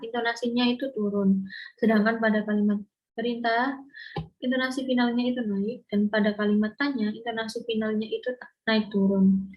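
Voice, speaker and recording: Young woman, slightly high voice, careful lesson delivery with frequent restarts. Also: highs cut off. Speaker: student presenter explaining syntax. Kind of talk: read-aloud lesson.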